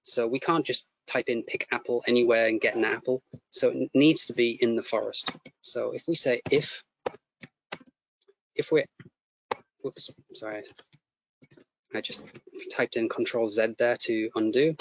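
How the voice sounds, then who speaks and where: A man's voice: mid-range voice, fairly even intonation, unhurried, long pauses. A man teaching a coding lesson, explaining each step as he types and often repeating himself as he goes. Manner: explains step by step while typing, repeats words. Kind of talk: live coding tutorial. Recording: muffled lo-fi audio with faint noise.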